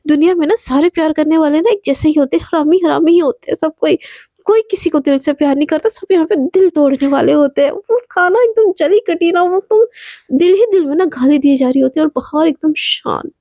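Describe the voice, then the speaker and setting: A woman's voice: sits high, brisk, warm tone, no echo, studio quality. A young woman telling a romance story in a casual, chatty way, full of fillers and asides.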